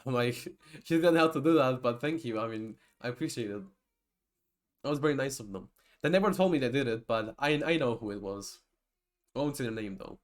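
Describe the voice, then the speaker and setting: This typology lecturer is a young man and native Georgian speaker whose mid-range voice is expressive and brisk. His casual talk rambles, with many restarts and digressions.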